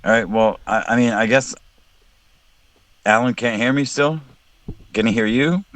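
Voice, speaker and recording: A man's voice: mid-range voice, a little slow, a bit bright, no echo. A man hosting a podcast on a call, chatting casually, swearing and joking loosely. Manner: loose, swears, jokes and laughs easily. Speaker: podcast host.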